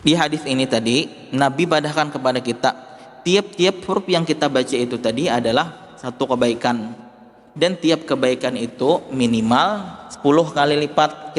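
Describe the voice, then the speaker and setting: Man teaching in an echoing hall. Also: medium pitch. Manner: explanatory, asks the listeners questions. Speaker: Islamic religious teacher. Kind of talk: religious study lesson. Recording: long hall reverb.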